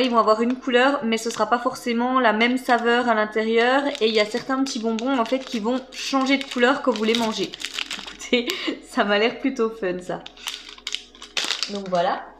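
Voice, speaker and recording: A woman's voice: fairly high pitch, slight background noise. A woman chatting casually as she unboxes snacks for her channel, hesitant and full of fillers. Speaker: vlogger.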